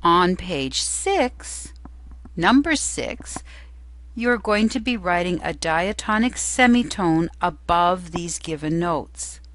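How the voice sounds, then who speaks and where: A woman's voice: fairly low pitch, animated, takes it slowly, fairly bright tone. A woman teacher giving an instructional lesson, explaining patiently and carefully, step by step. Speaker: music theory teacher.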